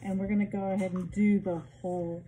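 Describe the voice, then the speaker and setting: A woman's voice: medium pitch, level tone, fairly quick, a little hiss or hum. Woman talking muffled through a respirator mask. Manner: chatty, self-deprecating, speaking loudly. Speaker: craft tutorial maker. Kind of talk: casual how-to demonstration. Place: home craft area with fans and open windows.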